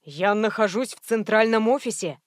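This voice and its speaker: A woman's voice: mid-range voice, normal speed, no room sound, studio quality, natural voice. A woman reading an audiobook, voicing an overly polite, flustered male estate manager with an old-fashioned, obsequious courtesy. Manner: flustered, bleating when pressed.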